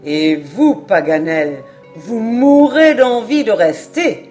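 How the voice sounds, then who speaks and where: A woman voicing a composed male Scottish lord with a dry sense of humor, speaking calmly and deliberately. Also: deep voice, faint music behind. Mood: teasing. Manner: calm, deliberate, teasingly serious.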